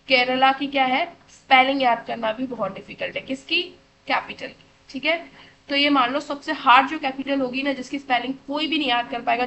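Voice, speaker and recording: A woman with a high-pitched, fairly bright voice teaches children in a classroom lesson, captured on a rough recording with slight background noise. She asks and then answers questions herself, lovingly calls them "beta," and often checks understanding with "theek hai."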